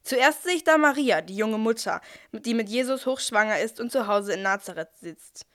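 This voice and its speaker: A woman's voice: on the high side, lively intonation, moderate pace, a bit bright. A woman playing an archangel, God's eager, self-assured messenger, explaining things directly to listeners in a scripted nativity audio play. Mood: confiding.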